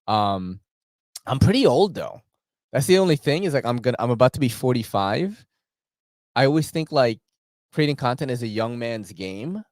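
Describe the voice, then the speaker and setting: A New York City man in his forties hosts a rambling, laid-back knife-channel chat packed with slang and filler, laughing often. His mid-range, darkish voice swings widely in pitch at a moderate pace with long pauses. The sound is clean studio audio with no echo.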